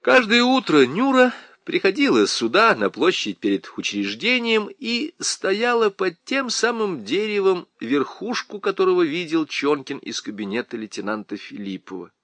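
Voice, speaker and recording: A man reading a comic novel aloud as an audiobook narrator, with ironic, expressive storytelling. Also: high-pitched, normal speed, hardly any pauses, dry recording. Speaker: audiobook reader.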